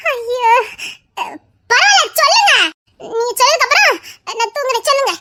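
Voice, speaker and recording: A woman's voice: very high voice, lively intonation, normal speed, sharp tone. A woman pleading and laughing in a casual couple chat, whining as she coaxes her husband to talk. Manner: pleading, laughs and whines while coaxing. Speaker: wife in a couple vlog.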